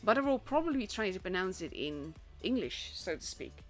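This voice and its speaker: At normal speed, a young woman with a medium-pitched voice and big pitch swings casts a tournament on her live stream. She's a native Dutch speaker from the Netherlands with a Dutch accent, an esports caster and streamer chatting casually and rambling with fillers and restarts. Faint stream music plays in the background.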